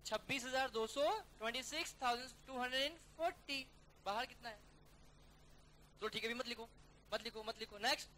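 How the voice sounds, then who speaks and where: Male teacher, bright forceful voice, drills a class through a worked problem, faint hiss behind. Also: extremely high pitch. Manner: brisk, coaxing students to call out figures; calls students "beta" and "yaar". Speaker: accounting teacher.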